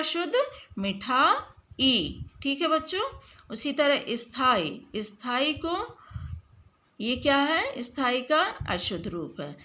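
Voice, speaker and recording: Woman teacher going slow, drawing words out and quizzing the kids, bright voice that jumps around a lot. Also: a little high. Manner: slow and deliberate, stretching words and asking the class questions. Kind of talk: classroom lesson on spelling.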